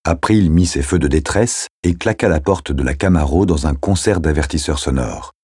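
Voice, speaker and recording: A man reading a novel aloud as narrator in a measured, steady way. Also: very deep voice, husky, no echo, clean studio sound. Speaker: audiobook narrator. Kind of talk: scripted narration.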